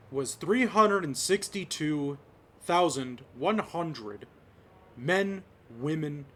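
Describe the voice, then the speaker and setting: A man's voice: a little high, breathy edge. A young man from Las Vegas giving an impassioned personal commentary, choked up at times and rising to angry outbursts. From Las Vegas, Nevada. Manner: slow, impassioned, rising to shouts of anger. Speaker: vlogger.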